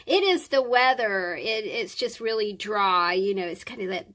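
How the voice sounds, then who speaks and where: This woman speaks at a medium pitch and normal speed, her intonation lively and her tone fairly bright. Hosting a craft channel, she does a casual, friendly show-and-tell for viewers, though congestion and a scratchy throat make her sound croaky and stuffy.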